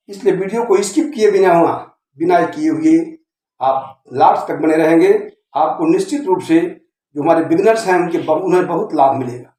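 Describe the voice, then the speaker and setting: Guy teaching grammar, high voice, keeps asking if you get it, super echoey room. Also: a little mellow. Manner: repetitive, checks understanding often. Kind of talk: classroom-style video lecture.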